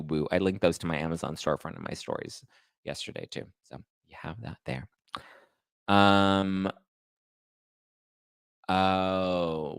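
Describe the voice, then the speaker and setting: A man in his thirties hosts a pop-culture gossip livestream, chatting with viewers in a sassy, playful, slangy way and calling them honey and boo. His voice is low-pitched and the recording is dry.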